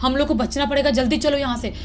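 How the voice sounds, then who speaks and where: A woman's voice: high voice, quick pace, a little hiss or hum, natural voice. A woman voicing a frightened mother confronting ghosts and begging her children to flee. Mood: panicked. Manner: panicked, pleading. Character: frightened mother, panicking in a haunted house.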